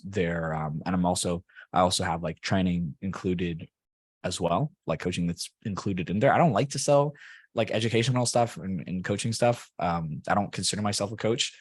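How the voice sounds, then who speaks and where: A man's voice: low-pitched, breathy edge, no echo. A young man from Canada, chatting as an interview guest in a rambling way with many fillers and restarts. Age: young adult. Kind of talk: casual interview chat.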